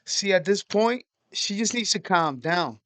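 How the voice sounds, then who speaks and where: A man's voice: high voice, animated, measured pace, fairly bright tone, dry recording. A man hosting a reaction video, giving blunt, profane, matter-of-fact commentary.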